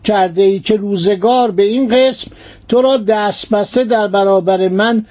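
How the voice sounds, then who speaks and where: A man voicing a boastful, gloating middle-aged sultan who taunts a captive slowly and deliberately. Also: high-pitched, darkish tone, close to an everyday voice.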